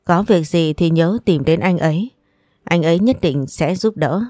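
A woman voicing a gentle young man who speaks softly and kindly. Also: fairly low pitch, normal speed, no room sound, clean studio sound, close to an everyday voice.

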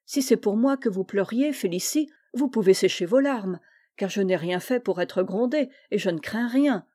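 A woman voicing a calm, firm nanny in a storybook reading. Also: medium pitch, moderate pace, lightly acted.

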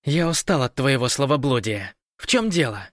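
Angry shouty boss guy, man putting it on, snarly, very lively pitch, audiobook. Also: moderate pace, no echo, studio quality. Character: furious bossy male ruler, shouting. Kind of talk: audiobook character voice.

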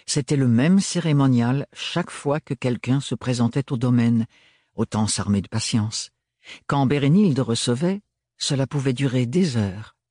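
A male narrator reads a novel in a measured, even way, with a husky, breathy voice at a mid pitch. The sound is dry and close, with no room sound. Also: dry recording. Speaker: audiobook narrator. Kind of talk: scripted narration.

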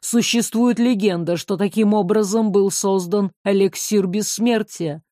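A woman narrating a fantasy audiobook in an expressive, steady reading voice. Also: mid-range voice, measured pace, dry recording, clean studio sound.

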